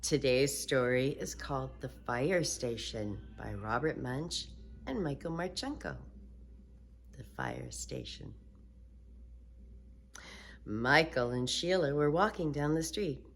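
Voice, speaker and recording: An older woman reads a picture book like a sweet old lady. Her pace is slow and unhurried, and her pitch moves in lively swings as she tells the story to children. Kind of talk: storybook read-aloud.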